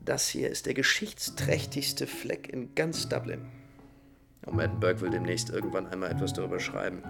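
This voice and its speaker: Loud hearty radio play man, voice swings all over, bit of music behind. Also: sits low, animated, normal speed, creaky, heavily acted. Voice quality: hearty, boisterous. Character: hearty talkative Dublin man with a cold. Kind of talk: radio drama acting.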